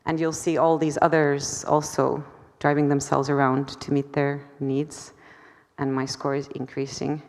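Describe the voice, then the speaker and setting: A woman's voice: low voice, little pitch movement, measured pace, darkish tone. A woman artist presenting her work at a conference talk, hesitant, with many fillers and restarts and self-deprecating laughter. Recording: long hall reverb.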